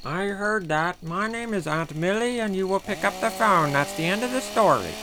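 A woman's voice: mid-range voice, lively intonation, moderate pace, background noise, close to an everyday voice. Brief: bossy meddling aunt played by a woman, nags and scolds, mid-range voice, amateur comedy audio drama. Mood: scolding. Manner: scolding, nagging, snaps and shouts insults. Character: bossy meddling middle-aged aunt, short-tempered.

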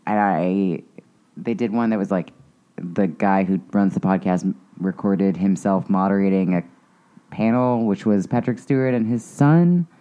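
A man's voice: low-pitched, a little slow, mellow, highs cut off. A man co-hosting a podcast, telling a story in a rambling, hesitant way full of restarts. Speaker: podcast co-host. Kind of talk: casual chat.

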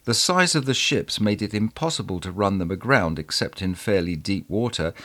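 A man hosting a podcast, reading historical documents aloud in a measured, expressive way. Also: lowish voice. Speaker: podcast host and reader.

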